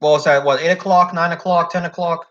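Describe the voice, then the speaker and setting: Talking fast with fairly even intonation, a young man whose voice is a little high and a bit bright rambles through a casual retelling of a job situation, full of "like" and "so." He's a job applicant telling the story, heard on a dull lo-fi recording.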